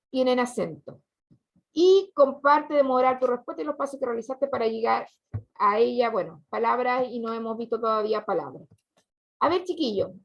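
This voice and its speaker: A woman teacher guides pupils through a lesson, her high voice catching in a gravelly fry. She asks questions patiently and repeats the answers back. The recording is dull and lo-fi. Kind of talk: online class lesson.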